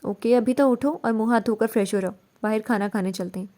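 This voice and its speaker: A woman reading the part of a caring young husband who speaks gently. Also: a little high, close to an everyday voice. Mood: gentle.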